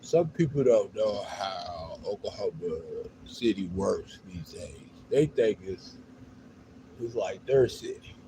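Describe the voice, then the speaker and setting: Low, slow-talking American man, noisy street. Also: expressive, warm tone. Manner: halting, repetitive, with frequent 'you know'. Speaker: livestreamer appealing to viewers for help. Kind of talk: casual, rambling plea to camera. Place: outdoors on a downtown street. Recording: noisy outdoor street, uneven level.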